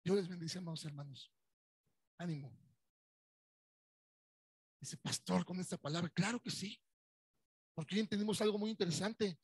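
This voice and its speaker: A pastor with a Mexican accent preaches his Sunday sermon in a conversational tone. His voice sits high for a man and has a husky grain. The sound is dry and close. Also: steady tone, moderate pace, long pauses, no room sound.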